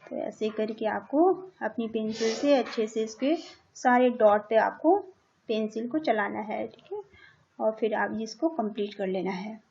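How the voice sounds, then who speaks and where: A woman teacher with a high voice works through a lesson for young children. She says each word again and again, spells it out letter by letter, and keeps putting questions to the class. The sound is slightly dull and lo-fi. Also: a little slow, gravelly, warm tone. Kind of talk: online class lesson in Hindi and English.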